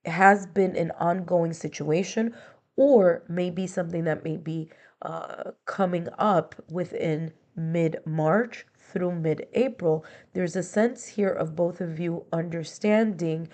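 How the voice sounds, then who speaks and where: A woman on the low side, slightly mellow in tone, delivers a casual tarot and astrology reading. Being under the weather leaves her congested and nasal, and she spells out each idea with a run of near-synonyms.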